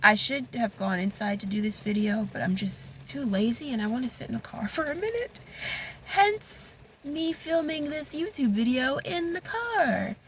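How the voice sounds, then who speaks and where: A woman's voice: high-pitched, animated, moderate pace, fairly bright tone, low-quality recording. A woman author talking casually in a vlog from inside a parked car, rambling and thinking aloud with many fillers and restarts. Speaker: romance author. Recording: faint rain noise on the car. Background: rain falling on the car.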